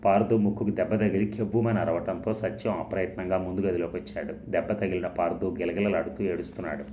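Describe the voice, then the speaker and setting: A man narrating a novel aloud in steady, measured storytelling, in an echoey, dull recording with a faint hiss. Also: deep voice. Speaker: audiobook narrator.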